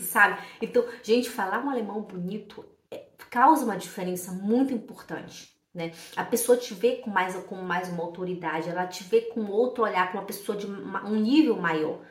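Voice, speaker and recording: A woman teaching German in a casual online lesson, chatty, repeating words slowly to model pronunciation. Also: mid-range voice, far from the mic, a little hiss or hum. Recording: echoey room, voice a bit off-mic.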